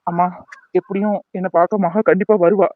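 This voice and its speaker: A young man voicing a gravely injured young man in a cartoon, talking in pain and pleading with his mother. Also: high-pitched, little pitch movement, a little fast, no room sound, phone-quality sound, lightly acted. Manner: pained, pleading, resigned. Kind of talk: cartoon voice acting.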